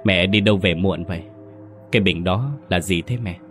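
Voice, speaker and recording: A man voicing a frightened teenage girl who turns grieving and defiant in a ghost story reading, shrill and tearful. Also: normal speed, a bit bright, soft background music. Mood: uneasy.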